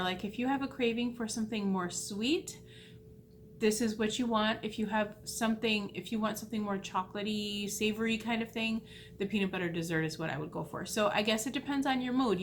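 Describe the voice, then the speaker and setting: A woman's voice: on the high side, slight background noise. Chatty woman vlogger, rambling storyteller. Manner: rambling, self-deprecating, animated retelling. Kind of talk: casual storytelling vlog.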